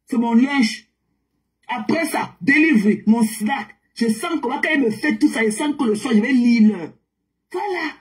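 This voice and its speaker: A woman telling a story on a live stream in an animated way, explaining with everyday comparisons and mixing in English words. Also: fairly high pitch, measured pace. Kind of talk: casual live-stream chat.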